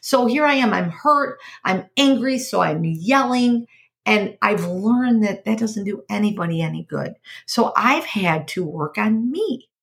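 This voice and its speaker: A middle-aged woman talks earnestly on her podcast about her own life, giving personal advice while often repeating herself and restarting sentences. Her mid-range voice is a bit bright with vocal fry and lively intonation, and she speaks a little slowly.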